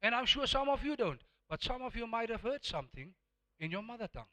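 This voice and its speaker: This sermon comes from a South African man, Afrikaans by first language, who preaches with emphasis, repeats words to drive points home, and shifts from whispers to loud declarations. He talks quickly in an extremely high voice with big pitch swings.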